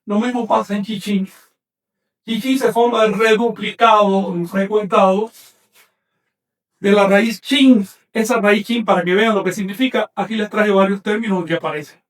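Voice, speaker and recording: A man teaching an online class, slowly sounding out words syllable by syllable and correcting common mistakes firmly. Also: sits high, steady tone, far from the mic. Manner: slow, emphatic spelling out of syllables; corrective, insistent.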